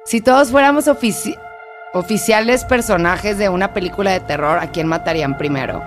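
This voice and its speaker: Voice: medium pitch, fairly quick, over music. A podcast co-host reading out game cards and joking about themselves in casual chat. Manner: joking, self-mocking.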